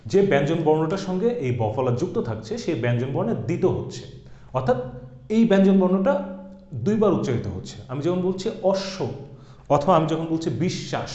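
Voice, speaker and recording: A man's voice: a little high, warm tone. A man giving a recorded exam-prep grammar lecture, explaining step by step and repeating example words. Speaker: grammar teacher. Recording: echoey room, dull lo-fi sound.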